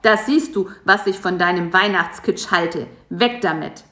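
A woman's voice: on the low side, measured pace, sharp tone. A woman doing a grumpy old house spider. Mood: snappy. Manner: grumbling, snappy. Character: grumpy lazy male spider, stay-at-home. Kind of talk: storybook voice acting. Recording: echoey room.

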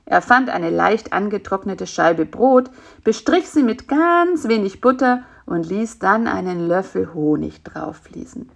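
A woman narrates a children's story slowly and with lots of expression. Her pitch rises and falls in a lively way, and her voice has a gravelly rasp. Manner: slow and expressive.

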